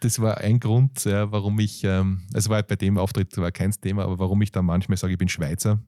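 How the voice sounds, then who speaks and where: A man with an Austrian accent, a coach and comedian, telling stories in an interview with lively laughs and many fillers. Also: lowish voice, fairly quick, dry recording, studio quality. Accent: Austrian German. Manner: animated storytelling with frequent laughs and fillers. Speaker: guest, coach and stand-up comedian. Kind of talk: conversational interview.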